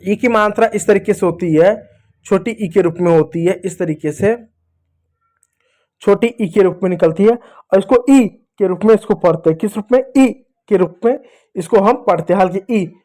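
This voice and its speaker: High-voiced man teaching children to read. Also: normal speed, dark tone. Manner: patient, repeats each sound, asks and answers himself; addresses the viewers as dear children. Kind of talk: children's reading lesson.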